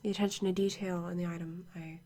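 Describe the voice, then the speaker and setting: A woman playing a calm, absorbed archaeologist in a hushed, monotone ASMR role-play, speaking in a measured way close to the microphone. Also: on the low side, natural voice. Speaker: ASMR performer. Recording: clearly noisy close-mic recording.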